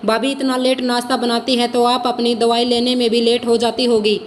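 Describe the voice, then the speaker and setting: A woman's voice: a little high, flat delivery, moderate pace, in a large hall, slight background noise, close to an everyday voice. Field: a woman voicing a quarrelsome young married daughter. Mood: indignant. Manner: complaining, indignant. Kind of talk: storybook role reading.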